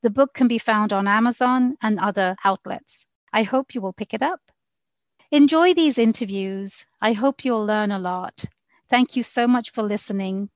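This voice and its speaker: Bright-voiced woman hosting a podcast. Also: on the high side, moderate pace, no echo. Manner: upbeat, welcoming. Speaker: podcast host and immigration attorney. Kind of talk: podcast interview.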